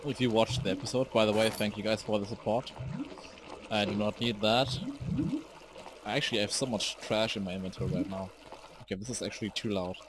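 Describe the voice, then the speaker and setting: A man's voice: fairly low pitch, fairly even intonation, fairly quick, pauses often. Young male streamer rambling over noise. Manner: rambling, easily startled, swears and shouts at enemies. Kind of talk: live gameplay commentary.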